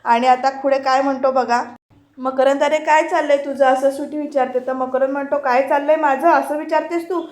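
A woman's voice: high voice, fairly even intonation, a little fast, darkish tone, roomy sound. A woman narrating a voice-over review of a TV serial, quoting each character's lines and addressing her viewers directly. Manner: retells scenes, quoting each character's lines with little change of voice. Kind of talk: voice-over retelling of a TV serial episode.

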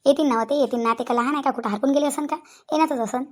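Woman as a fussy, whiny cartoon village aunt, high and rapid. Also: darkish tone. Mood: bossy. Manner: fast, wailing, whiny complaining. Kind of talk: cartoon comedy voice acting.

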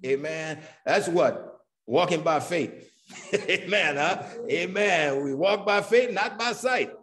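A man's voice: fairly high pitch, lively intonation, slow pace, fairly bright tone. A man leading a Sunday school Bible lesson, who keeps asking "what?" and answering himself, and says "amen" after nearly every point. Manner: chuckles now and then between points. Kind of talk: Bible study teaching.

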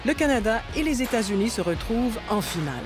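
A woman's voice: a little high, animated, fast. A woman reading scripted narration for a sports documentary recap. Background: music bed.

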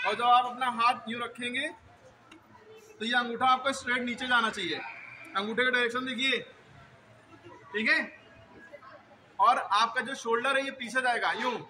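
A man's voice: extremely high pitch, bright, forceful tone, a little hiss or hum, poor audio. A male school teacher explaining drill positions to students step by step, often checking if they understand. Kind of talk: classroom drill instruction.

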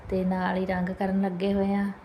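Chatty Punjabi woman vlogger, fairly even pitch. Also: normal speed. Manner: chatty, homely, addressing viewers with polite tags. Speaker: family vlogger, mother. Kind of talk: casual home vlog narration. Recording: clear background noise, home ambience.

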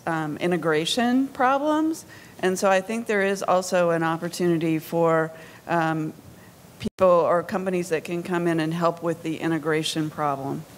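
Lower-voiced woman on a panel. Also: slight background noise. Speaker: panelist, industry executive. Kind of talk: conference panel discussion. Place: large conference hall stage. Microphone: handheld microphone.

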